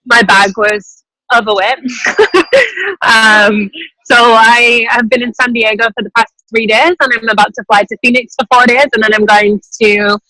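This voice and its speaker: A woman's voice: on the high side, flat delivery, fairly quick, hardly any pauses, pushed and bright, dry recording, low-quality recording. A woman in her twenties from England, enthusiastic and informal, giving a motivational testimonial on a call from an airport terminal. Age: 20s. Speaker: team member giving a testimonial on a group call. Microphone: group video call.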